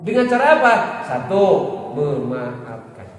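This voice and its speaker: Sundanese preacher in an echoey mosque. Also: male voice, on the high side, big pitch swings, a little slow. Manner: conversational, bantering with the congregation. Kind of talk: mosque Quran study talk. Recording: echoey mosque hall, faint hiss.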